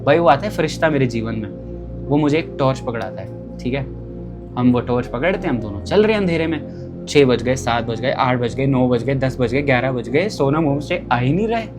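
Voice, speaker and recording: A young man telling a travel story casually and lively, acting out the people he met. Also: mid-range voice, fairly quick, music in the background.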